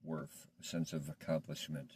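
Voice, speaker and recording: A man speaking without his teeth, slightly slurred, in a reflective, halting, rambling confessional monologue as a vlogger in addiction recovery. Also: completely flat delivery, darkish tone, a little hiss or hum. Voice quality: toothless, slightly slurred speech from not wearing his teeth; very deep, gravelly, husky. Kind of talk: casual confessional monologue to camera.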